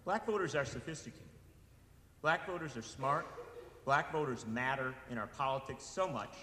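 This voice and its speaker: Man, from Wisconsin, political speech, impassioned, very bright sharp tone, roomy echoey hall. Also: mid-range voice, normal speed. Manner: impassioned, rising to shouted repeated appeals. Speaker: speaker at a political event. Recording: echoey hall with long reverb.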